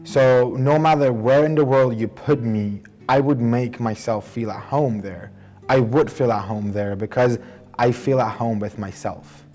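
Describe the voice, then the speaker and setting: Soft music plays beneath this young adult from Iran as he reflects on his life for a documentary. He speaks with a Persian accent in a medium-pitched, darkish voice, earnest and thoughtful, now and then correcting himself mid-sentence.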